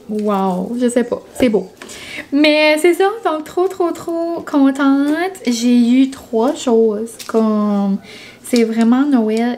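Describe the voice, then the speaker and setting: A woman's voice: a little high, darkish tone, a little hiss or hum. A young woman with a Québécois French accent chatting casually in a vlog, full of fillers like "genre" and "comme". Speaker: vlogger.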